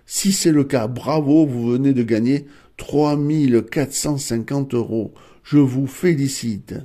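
A man's voice: medium pitch, mellow. A man hosting his own coin collecting channel, friendly and instructive, explaining things to viewers step by step.

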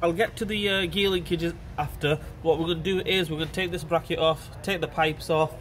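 A mechanic with a stuffy, blocked nose chats casually through a car repair video, calling his viewers "guys" as he works. His voice is on the high side, steady, fairly quick and slightly bright. The phone recording sits close to the engine with faint music behind.

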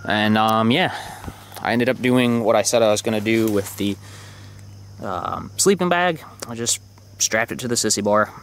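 Outdoors at a campsite, a young motorcycle vlogger shows off his camping gear in a relaxed, rambling way packed with fillers. His fairly low voice moves at normal speed, with a slight hiss or hum on the recording.

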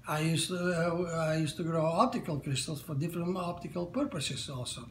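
A Bulgarian man in his seventies sits on a living room sofa and answers questions in a casual interview. His first language is Bulgarian and he has a Bulgarian accent. His fairly high, slightly bright voice comes out haltingly, with many fillers and restarts. A camera at medium distance captures him in an echoey room with slight background noise.

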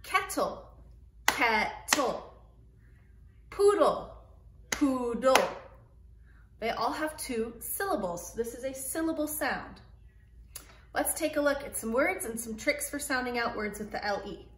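A woman teaches phonics to young children, taking her time and drawing out each sound. Her voice sits a little high and is gently encouraging. The room gives it a noticeable echo. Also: unhurried, slight background noise. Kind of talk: early reading phonics lesson.

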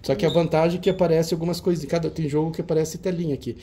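A man's voice: on the high side, fairly even intonation, very fast, mellow. A man hosting a retro game auction, showing old cartridges in casual, teasing banter. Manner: chatty, teasing, jokey banter with a helper.

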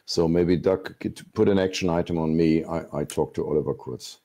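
A man's voice: sits low, steady tone, moderate pace, warm tone. A man in a video-call meeting, talking through ideas hesitantly and often repeating words. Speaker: community board member. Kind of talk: casual meeting discussion.

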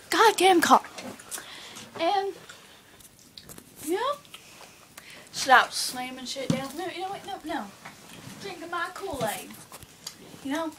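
A young woman playing a rowdy, drunk party animal who rambles and swears indignantly in an improvised comedy mock interview. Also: high-pitched. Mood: rowdy, angry. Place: small wood-panelled room indoors. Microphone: phone held across a table. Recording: noisy, distant phone-camera room recording.

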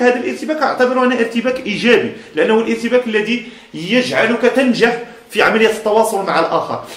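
A Moroccan man with an Amazigh accent gives a casual motivational talk, emphatic and blunt, often laughing between points. His voice is extremely high and a bit bright, with a roomy sound.

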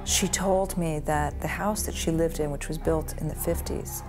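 A woman's voice: low voice, fairly even intonation, moderate pace, crowd noise. A middle-aged woman recalling her own life in a documentary interview, recorded indoors on a close mic. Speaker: lawyer interviewee. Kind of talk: documentary interview, personal recollection. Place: small indoor room with bookshelves. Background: music.

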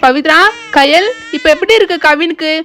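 A soft-spoken doll uncle, played by a woman in a doll play-acting show, coaxing a crying baby in a lower, slower voice than the rest of the cast. His tone is soothing and patient, and his voice is bright. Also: soft background music. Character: gentle young uncle doll, caring.

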